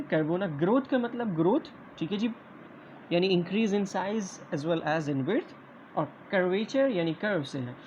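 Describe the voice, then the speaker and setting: A man's voice: high-pitched, a little mellow. A man teaching biology in a lecture style, asking questions and answering them himself and often checking that listeners follow. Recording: dull lo-fi recording with faint hiss.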